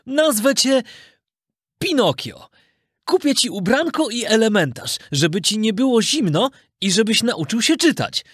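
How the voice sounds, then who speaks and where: A storyteller voicing a lonely, kind old carpenter speaking gently to his new puppet son. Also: mid-range voice, sing-song, unhurried, slightly rough, no echo, clean studio sound, pitched above the performer's own voice. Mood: delighted. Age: older. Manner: gentle, delighted.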